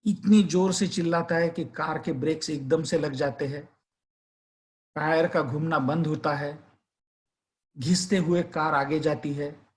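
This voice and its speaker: A man's voice: a little high, fairly even intonation, a little slow, pauses often. A male teacher telling a suspenseful story, then earnestly urging students to revise. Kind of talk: storytelling and motivational advice to students.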